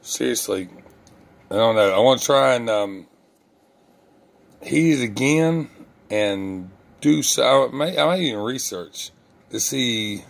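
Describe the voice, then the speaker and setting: A man's voice: medium pitch, expressive, slow pace, vocal fry, long pauses. A man talking casually to the camera about his hobby, rambling with lots of ums and restarts and poking fun at his own mistakes. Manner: self-deprecating and candid. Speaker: lock-picking hobbyist vlogger.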